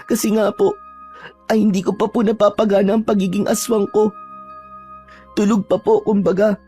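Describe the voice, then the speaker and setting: A young aswang in hiding, polite and frightened, pleading in an even, flat tone, as a woman acts it out. Her voice is dark and mellow, and faint music plays beneath the horror-story telling. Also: medium pitch, normal speed, close to an everyday voice. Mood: earnest pleading. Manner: respectful, earnest, soft-spoken pleading.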